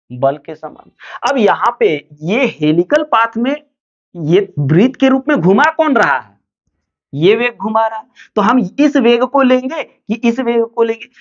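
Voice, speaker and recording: A man's voice: high-pitched, highs cut off. A male physics teacher giving a classroom lecture, asking students questions and answering them himself. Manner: calls students "bhaiya" and "dear children".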